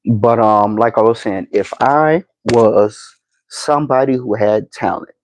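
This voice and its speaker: A man in his fifties, a podcast host giving slow, deliberate motivational advice, with frequent fillers and repeated words. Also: medium pitch, slight background noise, rough recording. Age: 50s. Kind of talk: motivational talk to camera.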